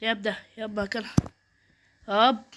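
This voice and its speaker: A young woman with an Egyptian Arabic accent giving live gameplay commentary, excitable and trash-talking in short bursts. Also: medium pitch, measured pace, noisy background. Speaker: gaming streamer.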